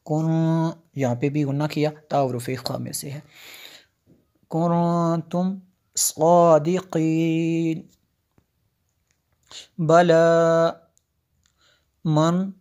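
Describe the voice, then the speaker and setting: A man teaching tajweed, explaining Quran recitation rules in plain talk with frequent "uh" pauses. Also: mid-range voice, a little mellow.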